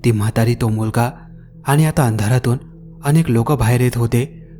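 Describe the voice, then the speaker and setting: A man narrating a scripted horror story in a slow, suspenseful way. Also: mid-range voice, warm tone, soft background music.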